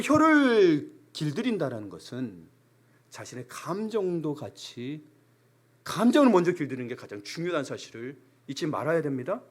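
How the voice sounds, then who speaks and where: Animated high-voiced male pastor preaching. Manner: animated, emphatic, briefly acts out everyday complaints. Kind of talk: sermon. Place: church sanctuary.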